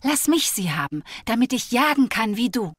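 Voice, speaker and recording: A woman voicing a vain, lonely female rattlesnake with a slow, rough, hissing voice in a video game fable. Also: on the high side, no room sound, studio quality, pitched above the performer's own voice. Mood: pleading. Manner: pleading, flattering, then bitter.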